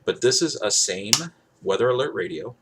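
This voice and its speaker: With a lowish, animated voice at normal speed, this male gadget reviewer gives a casual on-camera product demo, wandering and repeating points for emphasis. Background noise is clearly audible.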